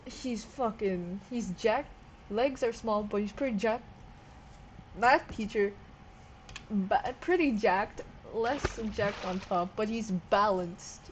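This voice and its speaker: A woman's voice: medium pitch, slow pace. A sleep-deprived woman vlogging in a casual, rambling way, swearing often and jumping from topic to topic. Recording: noisy background hiss.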